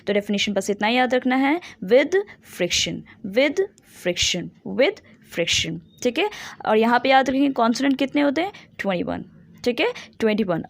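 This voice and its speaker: A woman teaching English grammar in a classroom-style lesson, mixing Hindi and English and repeating key terms slowly with rhetorical questions. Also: fairly high pitch, no room sound, clean studio sound.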